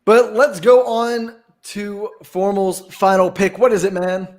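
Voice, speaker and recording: A man with a high voice hosting a casual chat among friends. He calls the next pick and ribs the players with jokes. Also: little pitch movement, measured pace, darkish tone. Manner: joking, teasing moderator. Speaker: host.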